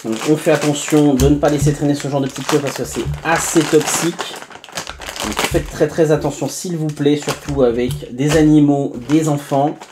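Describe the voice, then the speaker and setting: A man hosting a casual unboxing review, chatty, with many fillers and asides to viewers. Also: mid-range voice. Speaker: tech reviewer host. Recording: echoey room, faint background noise.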